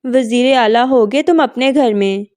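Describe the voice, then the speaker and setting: A woman's voice: fairly high pitch, unhurried, a little mellow, natural voice. A woman reading a novel aloud, voicing a hurt young woman who grumbles to herself. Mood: sulky.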